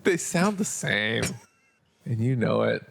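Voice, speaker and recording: A man's voice: medium pitch, very animated, takes it slowly, vocal fry. A man co-hosting and moderating a podcast, chatting casually with playful, teasing banter. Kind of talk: casual chat.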